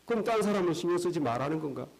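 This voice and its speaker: Male pastor, high-pitched voice, preaching an animated sermon in a church. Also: rapid-fire, gravelly, poor audio. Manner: animated, acts out dialogue. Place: church sanctuary.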